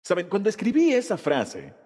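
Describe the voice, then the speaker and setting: A man preaching a sermon with a husky, slightly rough voice that sits fairly high. His delivery swings widely in pitch as he presses each point home. A long reverb trails behind his words. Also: huge pitch swings, normal speed, a little mellow. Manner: emphatic preaching delivery with rhetorical questions. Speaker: Spanish voice-over of a pastor's sermon.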